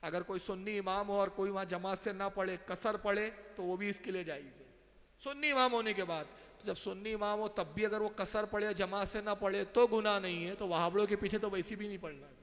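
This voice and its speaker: A man's voice: high voice, steady tone, fairly quick, fairly bright tone, long reverb tail. A man who is an Islamic scholar, giving an emphatic religious lecture and answering questions from listeners. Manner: emphatic, rising to stressed points and answering audience questions.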